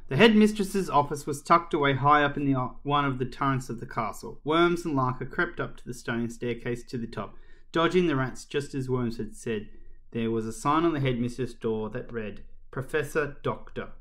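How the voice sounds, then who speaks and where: A man reading a children's chapter book aloud as a storyteller, in a lively, expressive way. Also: medium pitch, moderate pace.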